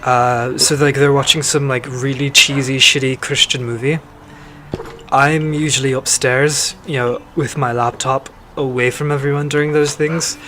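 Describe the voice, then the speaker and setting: Young guy on a podcast, halting, umming a lot, mid voice. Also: medium pitch, level tone, pushed and bright, a little hiss or hum. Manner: halting, many fillers. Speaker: podcast guest. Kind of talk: casual interview.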